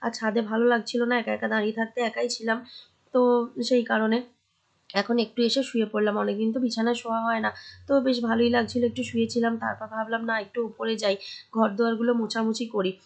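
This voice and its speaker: A young woman with a hoarse voice, chatting to viewers in a casual vlog voice-over. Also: fairly high pitch, little pitch movement, fast talker. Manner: chatty, addresses viewers directly. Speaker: vlogger.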